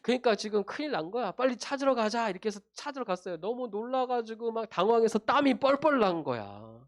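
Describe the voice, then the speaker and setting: Male junior pastor, storytelling to kids with a lively, expressive delivery. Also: sits high, fast. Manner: animated storytelling, addressing kids directly with tag questions. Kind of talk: children's sermon.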